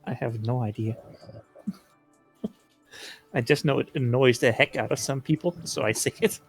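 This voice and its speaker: A man's voice: medium pitch, measured pace, gravelly, breathy edge, soft background music, low-quality recording. A man from Europe on a voice call, chatting casually and making silly jokes. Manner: jokey, silly rhymes. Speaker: friend on voice call. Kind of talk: casual chat.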